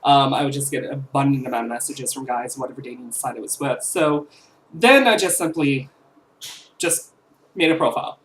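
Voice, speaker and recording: A woman's voice: very deep voice, fairly quick, rough recording. A woman in her twenties chatting casually to camera as a vlogger, rambling with fillers and self-corrections. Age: 20s.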